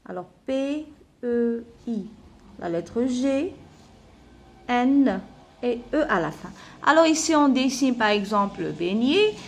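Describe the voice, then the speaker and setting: A woman teaches young pupils at a slow, careful pace, in a voice pitched a little high. She says each word several times and spells out its letters and sounds. Now and then she drops in an Arabic word to explain the meaning. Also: lively intonation, vocal fry. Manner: spells out letters and sounds, repeats words slowly; mixes in Arabic words to explain vocabulary. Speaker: primary school teacher. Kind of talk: slow classroom lesson explanation.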